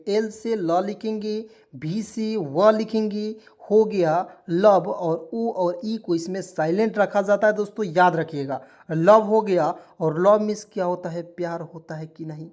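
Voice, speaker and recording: A man's voice: high-pitched, a little mellow. Man quizzing viewers in a beginner lesson. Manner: repeats each point and quizzes viewers with rhetorical questions; keeps addressing listeners as friends. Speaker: online English teacher.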